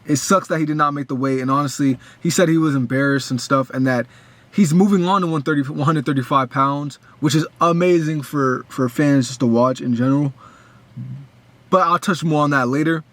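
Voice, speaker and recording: A man's voice: on the high side, brisk, no echo. Rambling young man breaking down a fight. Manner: rambling, many restarts and fillers. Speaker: boxing fan analyst.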